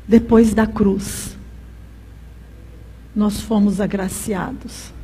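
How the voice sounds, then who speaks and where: A woman's voice: mid-range voice, steady tone, drawn-out words, warm tone, husky, in a large hall. A woman preaching a sermon, telling a personal story with passion.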